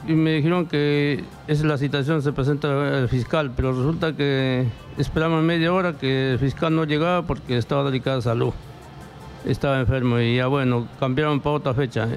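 A middle-aged man tells his story in a radio studio, halting and repeating himself as he acts out what others said. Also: mid-range voice, fairly even intonation, soft background music. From Peru. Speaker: interviewee reporting bank fraud. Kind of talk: emotional testimony in a radio studio. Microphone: studio mic with headphones.

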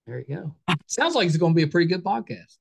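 Man, middle-aged, podcast host, slightly high voice, friendly, easygoing, video call. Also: very animated, quick pace, gravelly, breathy edge. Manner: friendly, easygoing, with filler "you know" and restarts. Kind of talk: casual interview chat.

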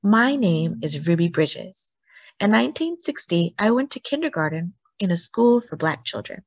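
Here a children's book reader narrates in a somewhat low, husky tone. Her delivery is animated, expressive, and carefully emphatic on phrases, and the close, dry sound carries little room reverb.

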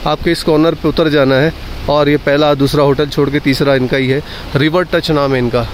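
A fishing channel host talks casually to his viewers outdoors by the water, partly from a boat, often repeating short phrases. His voice is on the high side, steady, and a little fast, and the recording is noisy with boat sounds.

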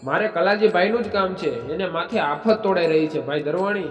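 A man's voice: high voice, a little fast, reverberant, long reverb tail, soft background music, natural voice. A man voicing an urgent Brahmin messenger.

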